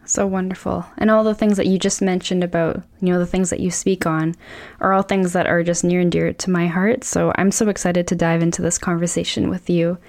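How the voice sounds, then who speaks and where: A woman's voice: on the low side, little pitch movement, fairly quick, gravelly, darkish tone. A woman hosting a podcast, reading a scripted intro and then interviewing her guest in an encouraging way. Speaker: podcast host.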